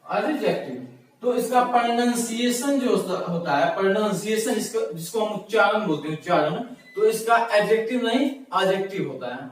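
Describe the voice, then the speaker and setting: A man's voice: high voice, expressive, moderate pace. A man teaching a grammar lesson, explaining patiently, repeating key words and asking himself rhetorical questions. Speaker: English teacher. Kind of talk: classroom-style grammar lesson. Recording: echoey room, mic far from speaker.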